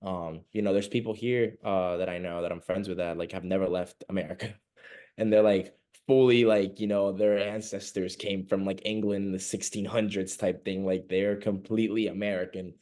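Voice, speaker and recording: A young adult man from Venezuela, guesting on a podcast, chats casually in a low, steady, mellow voice at a moderate pace. He rambles, filling the casual interview with lots of fillers and laughter.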